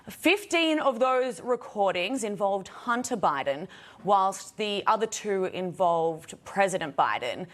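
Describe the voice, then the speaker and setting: Lady anchor on a news show, medium voice, reads her questions pretty steady. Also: mid-range voice. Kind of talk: news interview hosting.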